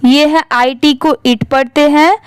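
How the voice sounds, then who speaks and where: A woman teaches English reading in a high, unhurried voice. She spells each word out letter by letter before reading it aloud. The recording is close and dry, with no room echo. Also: fairly even intonation. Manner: spells words letter by letter, then reads them slowly.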